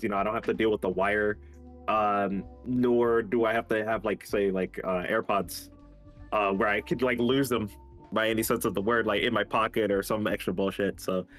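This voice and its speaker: A man's voice: fairly low pitch, a bit bright. A man co-hosting a podcast, chatting casually in a rambling way full of fillers and swearing. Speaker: podcast co-host. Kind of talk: casual chat.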